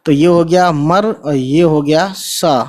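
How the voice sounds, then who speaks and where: Male online Urdu teacher, a bit high-pitched, casual, spells syllables out slowly, keeps checking in with viewers. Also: a little mellow. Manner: spells out letters slowly, tags lines with "ठीक है" and "guys". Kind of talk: casual spoken lesson.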